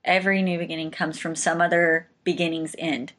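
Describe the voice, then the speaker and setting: A woman's voice: low voice, level tone, fairly quick, a bit bright. A young woman in casual conversation, talking freely with lots of filler and laughter. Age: young adult. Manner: chatty, lots of likes and laughs. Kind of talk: casual chat.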